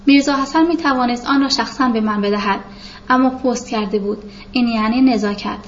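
A woman reading a literary novel aloud in a calm, measured storytelling voice, on a dull lo-fi recording with faint hiss. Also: fairly high pitch. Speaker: narrator. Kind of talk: literary audiobook narration.

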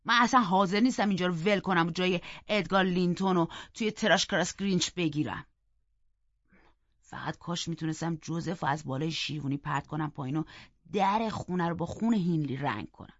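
A woman reading a novel aloud in scripted first-person narration, expressive and acting out the characters. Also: fairly low pitch, no room sound. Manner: expressive, acts out the characters' voices. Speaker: audiobook reader. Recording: dull, dry close recording.

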